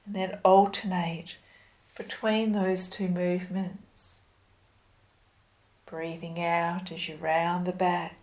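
Very slow, low-voiced woman guiding yoga. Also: rough recording. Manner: calm, unhurried, gentle step-by-step cueing. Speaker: yoga instructor. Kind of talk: slow guided yoga instruction.

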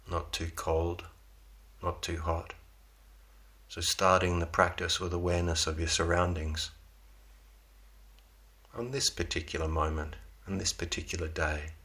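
Low, flat-voiced man guiding yoga. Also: gravelly. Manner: slow, soft, unhurried guidance with long pauses. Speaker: yoga teacher. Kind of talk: guided yoga relaxation.

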